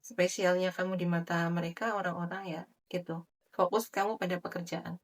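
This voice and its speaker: Low-voiced woman reading tarot. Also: fairly even intonation, brisk. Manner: soft, chatty, with many filler tags and light laughs. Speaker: tarot reader. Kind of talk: general tarot reading monologue.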